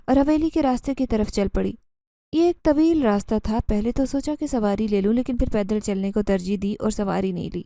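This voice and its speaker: A woman narrating a first-person horror story in a steady, scripted storytelling manner. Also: mid-range voice, dry recording.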